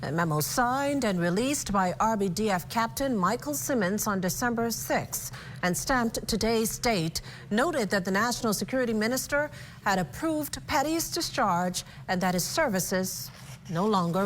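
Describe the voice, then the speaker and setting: A woman's voice: mid-range voice, lively intonation, unhurried, a little hiss or hum. A woman reading scripted television news as an anchor.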